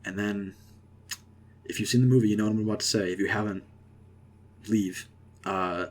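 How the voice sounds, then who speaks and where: A young man casually rambling through an excited movie reaction, with lots of fillers and restarts. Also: on the low side. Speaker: vlogger.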